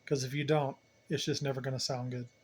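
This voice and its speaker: A hobbyist channel host gives an unscripted, hands-on equipment tutorial, explaining each step plainly and repeating key points. His mid-range voice is level in tone and brisk.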